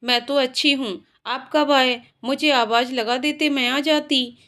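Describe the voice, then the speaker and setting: A woman's voice: sits high, fairly even intonation, a little slow, a bit bright. A woman voicing a dreamy, lovestruck young woman in a storybook tale, gushing and playful. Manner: gushing, teasing.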